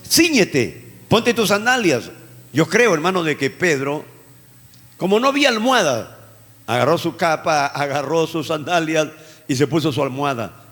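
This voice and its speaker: A man's voice: fairly high pitch, fairly bright tone. A male pastor from Peru preaching a sermon with passion, repeating key words for emphasis. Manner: impassioned preaching with repeated phrases. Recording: church hall reverb with faint music.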